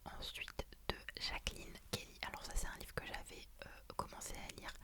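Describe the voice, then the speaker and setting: A woman doing ASMR in a soft, breathy library whisper, talking about books and reading out blurbs. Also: moderate pace. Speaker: ASMR creator.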